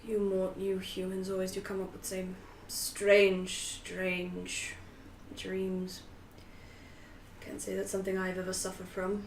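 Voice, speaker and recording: A woman's voice: mid-range voice, completely flat delivery, measured pace, natural voice. A woman voicing a stern, impassive male fey steward who speaks in curt commands, recorded in a roomy space on a distant mic with faint hiss. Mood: dismissive.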